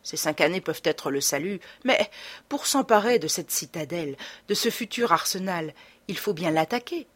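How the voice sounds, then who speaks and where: A woman's voice: on the low side, lively intonation, moderate pace, fairly bright tone, breathy edge. A woman reading aloud voices a grave, self-important older police inspector in a storybook. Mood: solemn. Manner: grave and solemn.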